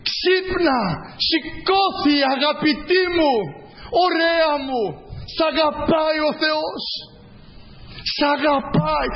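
A man preaching a sermon with fervent, repeating phrases and frequent hallelujahs, his voice hoarse. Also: extremely high pitch, in a large hall, muffled recording, slight background noise.

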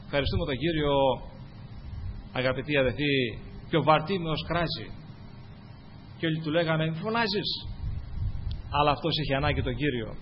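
A man preaching a sermon to his congregation, climbing to loud, fervent peaks and then dropping low and quiet. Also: long pauses. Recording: dull lo-fi recording with faint hiss.

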